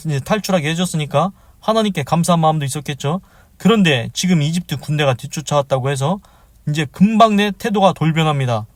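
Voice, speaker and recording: A man's voice: fairly high pitch, animated, a little fast, no room sound. A man giving devotional Bible commentary, reading verses and then retelling them in plain speech with rhetorical questions. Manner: acts out the people's complaints in quotes. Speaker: Bible teacher.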